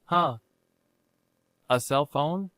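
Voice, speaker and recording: A man playing a gentle, caring young-adult older brother who talks in a warm, protective way. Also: fairly high pitch, very slow, dry recording, clean studio sound, exaggerated voice. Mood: surprised, eager.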